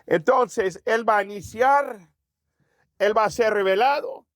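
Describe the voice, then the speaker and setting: A man's voice: high voice, unhurried, dry recording, studio quality. A man preaching a sermon as pastor, often asking his congregation rhetorical questions.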